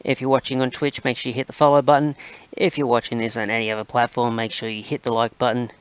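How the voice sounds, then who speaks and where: A man's voice: medium pitch, level tone, quick pace, clear, resonant tone, dry recording, lo-fi sound. A man hosting a gaming channel, chatting casually and rambling with plenty of fillers as he plays. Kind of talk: casual gameplay commentary.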